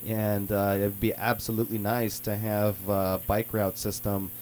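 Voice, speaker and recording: A man's voice: fairly low pitch, unhurried, a little hiss or hum. A man hosting a radio talk show, chatting casually and upbeat with lots of fillers. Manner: relaxed, filler-heavy, upbeat.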